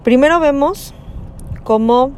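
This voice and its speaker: Woman, slow conversational preaching, higher voice, faint background hum. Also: a little mellow. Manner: slow, conversational, frequent tag questions. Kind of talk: Gospel reflection.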